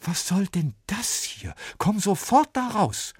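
Reproachful woman, put on by a man, high, flustered, husky. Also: expressive, slow pace, no room sound, soft background music, heavily acted.

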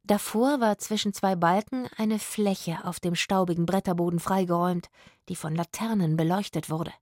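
A woman narrating a children's story in an expressive, lively manner. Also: mid-range voice, no echo, clean studio sound.

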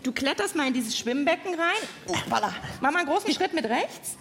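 A woman co-hosts a children's science podcast on a live stage at a podcast festival, giving simple, encouraging instructions to the audience. Her high voice is animated, brisk, and fairly bright. Background noise from the live event is clearly audible.

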